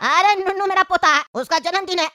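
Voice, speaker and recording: A woman's voice: extremely high pitch, quick pace, bright, forceful tone, dry recording, studio quality. A woman voicing a hot-tempered elderly grandfather who rants and scolds in a cartoon comedy. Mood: angry.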